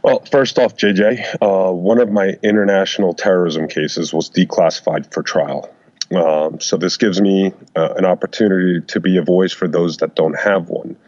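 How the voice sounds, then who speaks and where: A man's voice, electronically disguised to sound deep, answers interview questions in measured, hesitant phrases. The recording is dull and lo-fi, with a dry, close sound. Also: steady tone, a little mellow, no echo. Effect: voice disguiser lowering the voice. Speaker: guest, undercover FBI agent and author.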